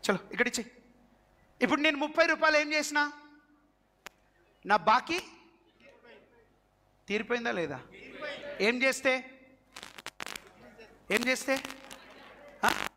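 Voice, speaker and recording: A male pastor with a Telangana accent preaching a sermon, animated and calling on the congregation to answer back. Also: very high voice, unhurried, long pauses, big-room sound, slight background noise. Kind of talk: sermon with live demonstration.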